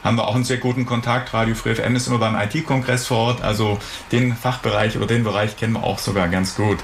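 Gravelly, rambling radio host. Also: male voice, fairly low pitch, quick pace, a little hiss or hum. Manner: relaxed, chatty, rambling questions. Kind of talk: studio interview. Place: radio studio.

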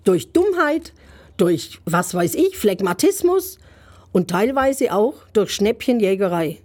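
A woman's voice: medium pitch, big pitch swings, slow, darkish tone. A middle-aged woman giving an interview as an author, speaking emphatically and indignantly, with many rhetorical questions. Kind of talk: interview answers.

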